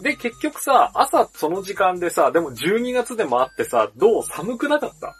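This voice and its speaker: A man's voice: high voice, big pitch swings, normal speed, husky. A man hosting a casual podcast chat over a video call, laughing often and teasing the others. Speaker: podcast host. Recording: video call with music behind.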